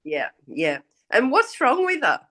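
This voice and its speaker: A hoarse woman guest in a casual conversation who answers softly and briefly and agrees readily. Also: sits high, huge pitch swings, measured pace. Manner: soft, agreeable, brief replies.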